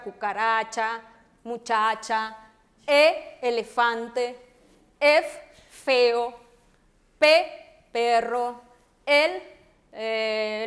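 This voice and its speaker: Lady teacher w a high voice, takes it slow, spells letters out and says words twice for the room. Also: fairly bright tone. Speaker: teacher and author. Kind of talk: language lesson at a book launch. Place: event room with an audience.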